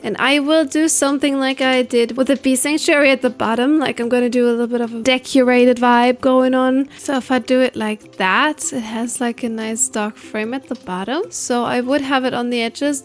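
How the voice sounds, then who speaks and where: A young woman with a German accent and a stuffy morning nose, chatting casually and giggling as she narrates her building game. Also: a little high. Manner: chatty, giggly, thinking aloud. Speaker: Minecraft YouTuber.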